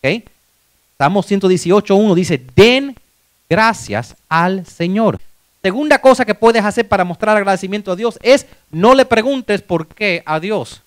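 A man in his fifties preaching a motivational sermon, animated, dropping English words and acting out voices. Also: high voice, normal speed, dry recording. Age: 50s.

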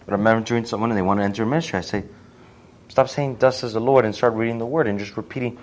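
A man giving live English interpretation of a sermon, quick and plain, echoing the preacher's quotes. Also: lowish voice.

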